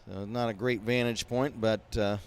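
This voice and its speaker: A man's voice: lowish voice, fairly even intonation, normal speed, smooth. Folksy hockey play-by-play man. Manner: folksy, rambling asides with many fillers. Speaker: play-by-play announcer. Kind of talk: amateur hockey play-by-play commentary. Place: behind glass in a rink mezzanine.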